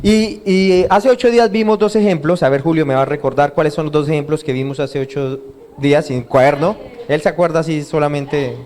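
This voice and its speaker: A man with a fairly high voice preaches to his church in a teaching tone. He keeps posing questions to the congregation and waiting for them to answer. He prompts them to repeat key words back to him. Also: fairly even intonation, a little fast, darkish tone. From Colombia. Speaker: pastor. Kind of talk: interactive sermon. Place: church hall.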